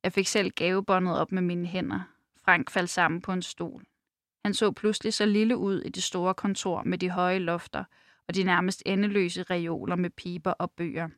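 A woman reading a first-person novel aloud in a measured, unhurried way, then talking about the book. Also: on the low side, flat delivery, no room sound, clean studio sound. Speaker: reader and book discussant.

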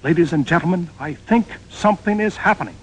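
A man's voice: a little high, expressive, fast talker, poor audio. An alarmed man on an interrupted old radio broadcast. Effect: old radio broadcast interrupted by live events.

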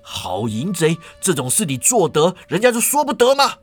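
A man voicing a furious, vulgar young swordsman who shouts and curses accusations. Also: mid-range voice, big pitch swings, moderate pace, husky. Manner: shouting, cursing.

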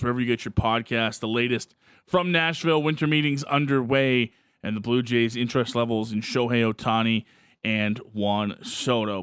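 A man's voice: mid-range voice, fairly bright tone, clear, resonant tone, no room sound, clean studio sound. A man hosting a sports radio show.

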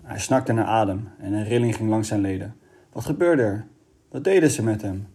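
Mellow-voiced man reading a storybook. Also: fairly low pitch, normal speed. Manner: steady, expressive storytelling. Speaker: audiobook reader. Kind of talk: reading a children's novel aloud.

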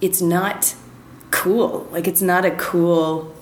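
A woman's voice: lowish voice, steady tone, takes it slowly, slight background noise. A woman chatting casually about a film, often restarting her sentences as she searches for words. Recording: roomy with faint ambience.

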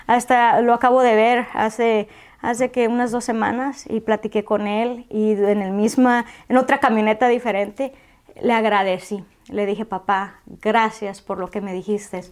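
A woman telling a personal story in conversation, halting and emotional, often repeating words. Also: a little high, flat delivery. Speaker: guest.

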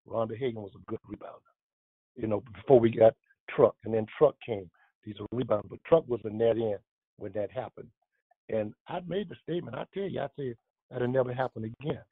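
A man in his seventies, a former pro basketball player, reminiscing in a casual interview, rambling with many restarts, with a husky voice. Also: lowish voice, fairly quick, no room sound. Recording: tinny phone line.

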